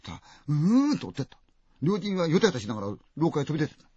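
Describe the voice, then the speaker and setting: A man telling a ghost story dramatically, full of vivid sound words and swinging from loud to hushed. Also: a little high, very animated, fast talker, slightly rough, no room sound. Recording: dull, dry lo-fi recording.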